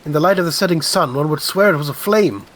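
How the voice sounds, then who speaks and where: A man voicing a grand, courtly game villain in a slow, theatrical and formal delivery. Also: a little high, expressive, a bit bright, voice pushed up. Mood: grand, solemn. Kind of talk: reading game dialogue in character.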